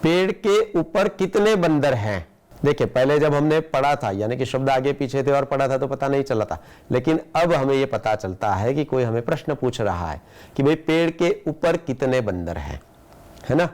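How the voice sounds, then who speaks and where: A man with an Indian accent teaching a school language lesson, explaining patiently and reading example sentences slowly and deliberately. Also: medium pitch, expressive, a little mellow. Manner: explains patiently, with rhetorical questions. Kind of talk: classroom lesson for students.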